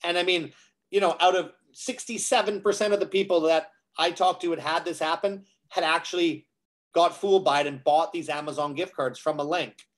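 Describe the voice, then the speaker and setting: A man telling stories in a casual live-show conversation, acting out quoted dialogue and often pausing on fillers. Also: a little high, fairly even intonation, a bit bright. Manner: storytelling, acts out quoted dialogue with many fillers. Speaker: guest speaker on cybersecurity.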